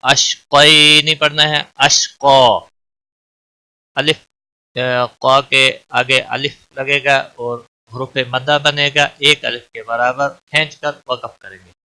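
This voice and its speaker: धीमे बोलने वाला तजवीद उस्ताद, पुरुष. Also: male voice, mid-range voice, fairly even intonation, sharp tone. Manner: slow, explains each letter then recites it drawn out. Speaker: Quran tajweed teacher. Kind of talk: recorded recitation lesson.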